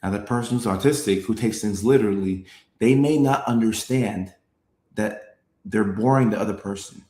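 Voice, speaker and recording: A man who grew up in Norway hosts a show, reading chat comments and explaining things casually in a lowish voice at normal speed, with reverberant sound. Animated, he voices quotes, repeats himself and checks in with listeners by saying "right?"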